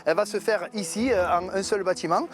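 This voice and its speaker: A middle-aged man, a farmer running a farm cabaret, talking loudly and heatedly in an interview. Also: high-pitched, fairly quick. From Italian descent. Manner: loud, talks with his hands.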